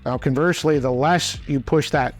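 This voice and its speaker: A man's voice: a little high, normal speed, faint music behind. A man instructing in a plain-spoken, practical way, explaining step by step in a conversational demonstration style. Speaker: instructor, hunting call expert.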